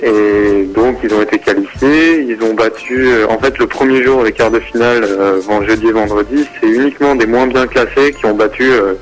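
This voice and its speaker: A man's voice: fairly low pitch, moderate pace, few pauses, soft background music, rough recording. A man calling in over the phone as a basketball consultant, giving casual sports analysis with many hesitations and restarts.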